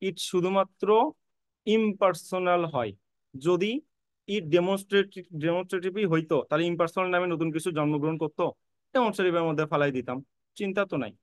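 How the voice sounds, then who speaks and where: Fast-talking man drilling a grammar lesson. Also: sits high, clear, resonant tone, no room sound. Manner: repetitive, drilling, spells words letter by letter; reassuring, addresses students directly. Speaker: English teacher. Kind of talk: online admission-prep lecture.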